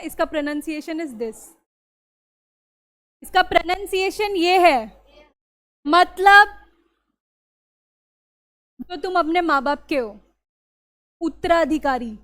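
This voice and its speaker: A woman's voice: very high-pitched, a bit bright. A woman teacher, giving a classroom grammar lesson and often checking whether the students understand. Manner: mixes Hindi and English, keeps asking the class if it is clear.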